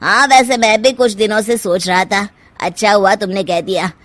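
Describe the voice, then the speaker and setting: A woman's voice: medium pitch, steady tone, normal speed, no echo, natural voice. A woman plays a young cartoon husband, henpecked and easily swayed. It is a pliant, favored-son voice, recorded close and dry. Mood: reasoning. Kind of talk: Hindi moral cartoon voice acting.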